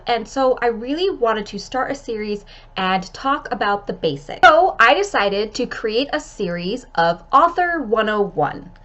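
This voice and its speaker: A woman's voice: mid-range voice, a bit bright, muffled recording. A woman author giving writing advice in a vlog-style tutorial, talking friendly and straight to camera while stuffed up with a scratchy throat from illness.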